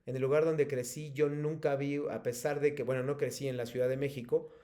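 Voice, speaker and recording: Mexican man, teacher, mellow warm tone, patient explaining, video call mic. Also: medium pitch, level tone, a little fast. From State of Mexico. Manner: patient, explanatory, many fillers. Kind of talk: online class lecture.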